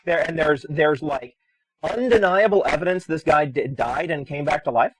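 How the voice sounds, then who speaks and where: A man's voice: on the high side, normal speed, noisy background. A man hosting an unscripted call-in show, debating in a blunt, incredulous and sarcastic way. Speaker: talk show host.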